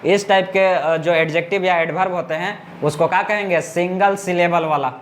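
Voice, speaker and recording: A man's voice: sits high, steady tone, moderate pace, slight background noise. A male teacher explaining a grammar lesson step by step to a class, often stopping to ask whether the students understand.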